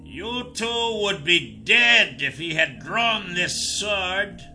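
Man voicing sly captor, high bright mocking tone, storybook villain. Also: very animated, extremely slow, soft background music, full character voice. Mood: scheming. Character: sly scheming male captor, the Jackal.

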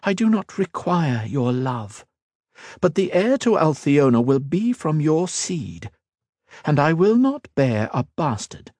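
A man doing an imperious queen in a fantasy audiobook, pitched well above his own low voice, every line stately and commanding. She sounds cold and calculating, used to being obeyed, and the read is close and dry. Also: sing-song, slow, a little mellow, no room sound, exaggerated voice.

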